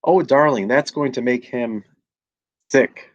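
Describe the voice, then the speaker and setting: Patient storybook mother, soft coaxing voice, as a man reads her. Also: medium pitch, slow pace, lo-fi sound. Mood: gentle.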